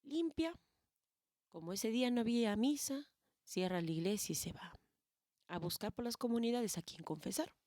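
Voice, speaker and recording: A woman's voice: medium pitch, brisk, no echo, studio quality. A Peruvian woman storyteller telling a tale expressively. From Peru. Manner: expressive, animated narration. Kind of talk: oral storytelling.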